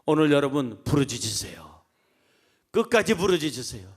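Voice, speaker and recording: A man's voice: high voice, normal speed. A man preaching a sermon as pastor, acting out voices and leading the congregation in reading aloud. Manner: animated, acts out crowd voices, calls congregation to read along.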